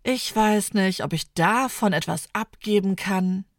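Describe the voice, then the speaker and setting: A woman's voice: medium pitch, measured pace, no room sound, close to an everyday voice. Lady playing a wry farmer woman, dry little jokes, kids' story. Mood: hesitant.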